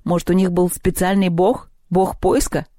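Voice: medium pitch, flat delivery, moderate pace, dry recording, clean studio sound, natural voice. Reader doing a bossy schoolboy, hot-tempered, snapping, storybook reading. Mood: grumbling. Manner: curt, snapping, bursts into shouting.

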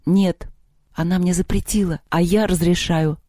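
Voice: mid-range voice, steady tone, normal speed, dark tone, no echo, studio quality, natural voice. A reader voicing a tense teenage boy who presses and commands the others. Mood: pressing.

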